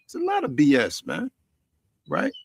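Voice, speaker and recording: American dude rambling on a grill stream, kinda creaky voice, folksy, says stuff twice, no echo. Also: male voice, fairly high pitch, huge pitch swings, moderate pace, studio quality. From United States. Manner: folksy, repeats phrases for emphasis. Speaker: host of a cooking and chat stream. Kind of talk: casual rambling live-stream chat while grilling. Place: outdoors in a quiet backyard.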